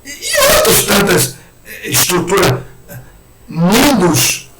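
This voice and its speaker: A man with a hoarse throat giving an animated spiritist lecture, acting out the words of imagined people. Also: high voice, slow. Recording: echoey room, far mic, loud noise.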